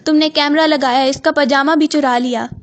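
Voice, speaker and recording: A woman's voice: high-pitched, steady tone, normal speed, natural voice. A woman reading the lines of an angry middle-aged father who scolds his daughter. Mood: scolding.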